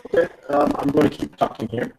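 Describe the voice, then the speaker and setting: A man's voice: fairly high pitch, vocal fry, a little mellow, poor audio. Man on a staticky, breaking-up call. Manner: halting, restarts his words. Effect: staticky, breaking-up online call audio. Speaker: podcast co-host. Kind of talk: casual chat. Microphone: online voice call.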